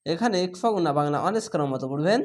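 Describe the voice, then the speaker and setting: A man teaching Quran reading, spelling out each letter and vowel and then drawing out the recited words slowly. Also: a little high, animated.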